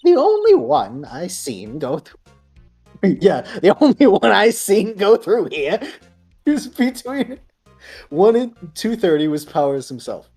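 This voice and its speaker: A woman voicing a gruff old studio security guard with a drawling, slangy, gangster-ish way of talking. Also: mid-range voice, big pitch swings, takes it slowly, warm tone, faint music behind, voice pushed up, heavily acted. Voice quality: strained, gravelly put-on voice.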